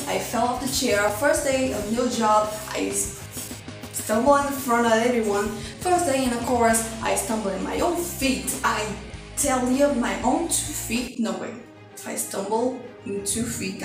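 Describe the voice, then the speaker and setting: A young Brazilian woman with a Brazilian Portuguese accent vlogs candidly to her own camera, chatty and self-deprecating. Her voice is on the high side, and she's recorded off-mic in an echoey room with music playing underneath.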